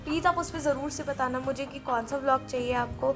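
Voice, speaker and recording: A young woman from India, narrating her vlog in a chatty, excitable way. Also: high-pitched, fairly quick, loud music behind the voice. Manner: chatty, mixes Hindi and English, excitable. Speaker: vlogger. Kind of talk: casual vlog voice-over.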